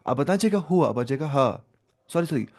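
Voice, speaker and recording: A man's voice: a little high, lively intonation, normal speed. A man teaching Arabic grammar in Hindi, drilling word lists and correcting himself as he goes. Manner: opens with an Arabic prayer. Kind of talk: grammar lesson explained in Hindi.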